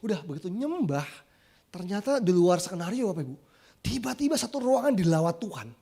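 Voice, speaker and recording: Male preacher, high voice, casual anecdotal delivery that slips into voices for quoted people. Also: fairly quick, vocal fry, breathy edge. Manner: lively, chatty, acts out quoted voices. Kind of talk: casual storytelling sermon. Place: church.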